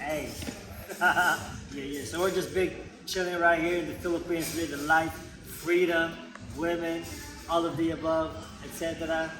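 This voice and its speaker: A man hosting a casual interview, laid-back and slangy, and quick to laugh. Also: on the high side, steady tone, over music. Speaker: podcast host. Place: indoors in the Philippines. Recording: roomy sound with loud background noise.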